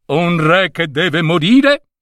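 An old, eccentric court wizard, as a male storyteller puts him on, pitched higher than the narration and rising and falling a great deal. He makes insistent, solemn pronouncements, and the voice sounds close and dry. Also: sing-song, takes it slowly, fairly bright tone, dry recording, full character voice.

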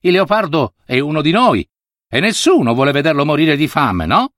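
A shrewd she-monkey sitting as judge in a storybook, her harsh voice pitched high and pressing her point, as a man puts her on. The sound is dry and close. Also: big pitch swings, normal speed, fairly bright tone, dry recording. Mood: insistent. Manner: pushy, insistent. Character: shrewd female monkey judge, sharp-tongued.

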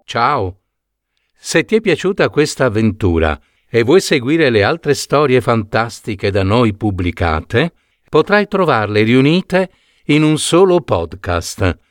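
A male narrator reads a story aloud with an animated, wide-ranging delivery. His voice sits at an ordinary pitch, recorded close and dry. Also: slow pace, dry recording. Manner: expressive, dramatic reading. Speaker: audiobook narrator.

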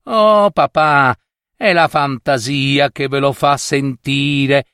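A man's voice: medium pitch, fairly even intonation, takes it slowly, pushed and bright, clean tone, no room sound, studio quality. A man voicing the ogre's young daughter, a coaxing, cunning girl in a fairy tale reading. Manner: coaxing, persuasive.

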